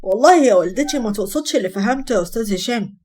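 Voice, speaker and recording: Woman reads polite Egyptian young man, quick, placating. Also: a little high, lively intonation, darkish tone, natural voice. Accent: Egyptian Arabic. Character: polite young male suitor.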